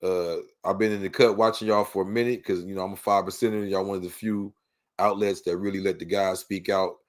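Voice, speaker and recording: Speaking in a low register with fairly even intonation, this man moves at a brisk clip. He has a local Los Angeles accent and shares his story on a podcast in a relaxed, slangy style, full of "you know what I mean."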